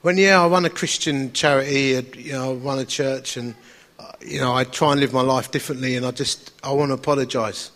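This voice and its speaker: A man's medium-pitched, slightly bright voice, fairly even in intonation and a little fast, carries an anecdotal sermon to an audience. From Essex, England, and speaking with an Essex accent, he tells personal stories in a chatty, wry, self-deprecating style.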